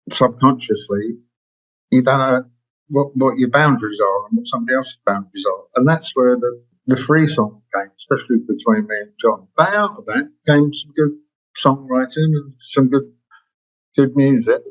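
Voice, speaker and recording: A man in his sixties, a musician being interviewed, telling stories in a rambling way and often correcting himself mid-sentence. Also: mid-range voice. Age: 60s. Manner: rambling, self-correcting storyteller. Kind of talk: casual anecdotal chat. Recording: dull lo-fi sound.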